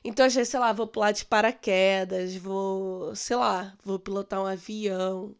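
A woman in her late twenties from Brazil, telling a personal story in a chatty, animated way on her vlog. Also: mid-range voice, moderate pace, clean tone. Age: late 20s. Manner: chatty, animated retelling with quoted dialogue. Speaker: vlogger. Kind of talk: casual storytelling.

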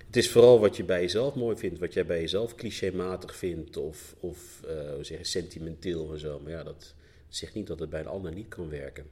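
A man, a poet guest, talking reflectively about his writing in a halting, searching way with many restarts. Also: sits low, a little mellow. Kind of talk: reflective conversational interview.

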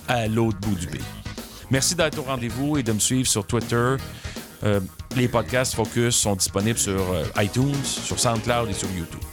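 A man with a Quebec French accent delivers solo podcast commentary in a calm, analytical way, weighing facts before giving his opinion. His voice sits a bit low. The recording is dry, with no room sound around him. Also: dry recording. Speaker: podcast host. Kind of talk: solo sports business commentary.

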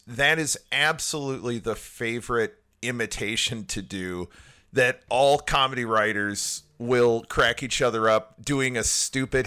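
A man who writes TV comedy, talking animatedly as a podcast guest in casual chat, with quick laughing asides. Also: mid-range voice, sharp tone, clean tone.

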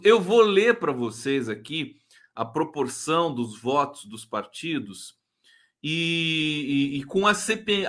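A man's voice: on the high side, bright, forceful tone. A man with a Brazilian Portuguese accent hosting a live stream, chatting casually, greeting viewers by name and commenting on politics. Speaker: live show host.

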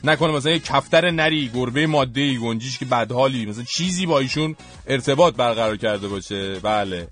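A man's voice: medium pitch, a bit bright, faint music behind. A man hosting a radio show, reading listener messages in a joking, chatty way. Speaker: radio host.

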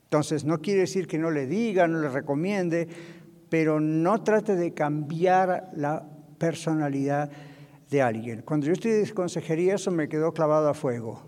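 A man with a Latin American Spanish accent preaches a sermon on marriage, his voice pitched fairly high. He talks to the congregation in a loose, conversational way and checks in with them often. His voice rings with the long reverb of a church hall. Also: normal speed, darkish tone. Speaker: pastor.

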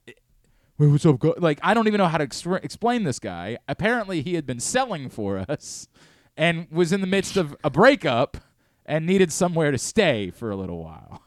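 A male American radio host spins a rambling story in a lively voice that swings high and low. The sound is dry and close, straight from a studio mic. He laughs between his lines and tosses in quick asides. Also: no room sound. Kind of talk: casual storytelling chat. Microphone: studio microphone.

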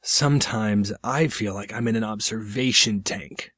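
A man's voice: on the low side, measured pace, a bit bright, no room sound, clean studio sound. A man voicing a stressed young businessman who complains about his bad day. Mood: exasperated. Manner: exasperated complaining.

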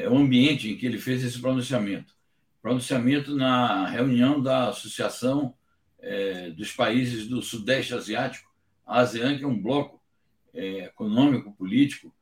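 A man giving measured, emphatic political commentary on a live stream, pausing often with hesitation fillers. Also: medium pitch. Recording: echoey, distant from the mic.

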